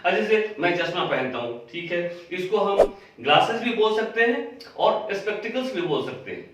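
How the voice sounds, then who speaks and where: A man's voice: high-pitched, big pitch swings, normal speed, noisy background. A man giving a patient lesson on English grammar, explaining with everyday examples and repeating the key words. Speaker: English teacher. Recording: very echoey room, voice from a distance.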